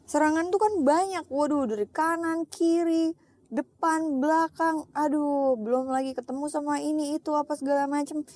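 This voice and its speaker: A middle-aged woman sharing a personal testimony in a casual chat, storytelling in an animated way and slipping into English phrases. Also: high voice, normal speed. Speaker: guest, lay preacher.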